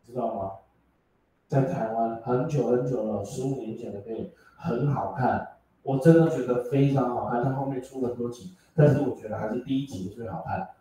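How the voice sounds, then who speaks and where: A man's voice: medium pitch, warm tone, slight background noise. A male English teacher, lecturing a class and teasing students as he explains words. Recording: echoey classroom from far off.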